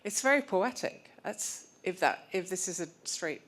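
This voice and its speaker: A woman's voice: fairly low pitch, lively intonation, normal speed, fairly bright tone. A woman from Scotland asking a question from the audience, in a chatty, hesitant way. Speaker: audience member.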